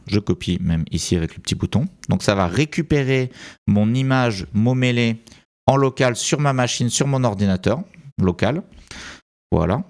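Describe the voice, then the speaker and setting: A man's voice: mid-range voice, expressive, moderate pace, darkish tone. A man with a French accent talking through a screen-recorded tutorial, thinking aloud and hesitating with many fillers. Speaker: tutorial presenter.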